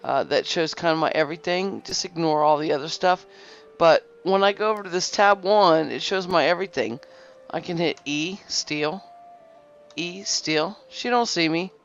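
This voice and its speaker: A woman's voice: fairly low pitch, normal speed, a little hiss or hum. A woman hosting a game guide video, giving casual tutorial narration over gameplay in a rambling way, correcting herself often. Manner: rambling, self-correcting, lots of fillers. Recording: slightly dull lo-fi recording with faint music.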